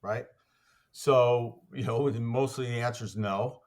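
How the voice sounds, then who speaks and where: A man's voice: medium pitch, fairly even intonation, measured pace, a little mellow. A man, an athletics coach, telling stories as a podcast guest in a rambling way, full of fillers and restarts. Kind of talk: casual conversational storytelling.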